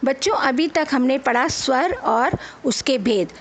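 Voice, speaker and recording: A woman's voice: sits high, lively intonation, unhurried. A woman teacher giving a grammar lesson to children, spelling out letters one at a time and answering her own questions. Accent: Hindi. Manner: asks the children questions, then answers them herself. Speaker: school teacher.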